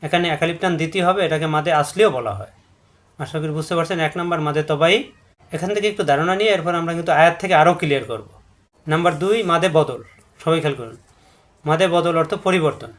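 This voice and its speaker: A man's voice: fairly high pitch, fast talker, a bit bright. A man teaching a Quran recitation lesson, patiently repeating rules and drawing out syllables to demonstrate them. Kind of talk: step-by-step tajweed lesson.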